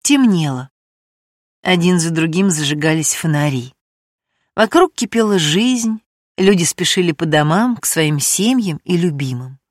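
Expressive woman reading an audiobook. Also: lowish voice, a little slow, no room sound, studio quality. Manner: expressive storytelling. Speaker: narrator. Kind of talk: audiobook narration.

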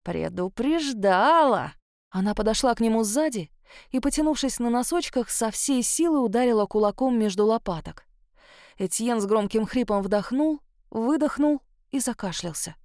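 A woman narrating a first-person novel in an expressive reading voice. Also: fairly high pitch, normal speed, no echo, studio quality. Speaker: audiobook narrator.

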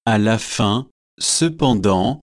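A man narrating a nineteenth-century novel as an audiobook reader, slow and measured. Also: lowish voice, expressive. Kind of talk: scripted narration.

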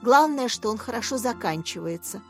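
A woman voicing a gentle, anxious teenage girl in an audiobook, speaking softly in a raised voice. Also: fairly high pitch, expressive, moderate pace, soft background music. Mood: tender.

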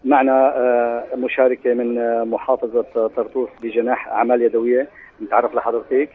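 A man with a Syrian Arabic accent doing halting live field interviews for radio over a muffled line. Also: medium pitch, level tone. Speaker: field reporter.

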